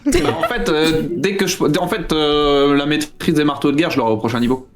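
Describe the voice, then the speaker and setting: A man's voice: fairly high pitch, a little fast. A man chatting casually as a player in a tabletop role-playing game.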